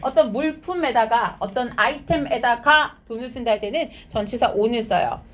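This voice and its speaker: At a steady, moderate pace, a female teacher goes through a high school English textbook passage in an animated lecture. Switching between Korean and English phrases, she reads lines aloud and answers the questions she puts to her students.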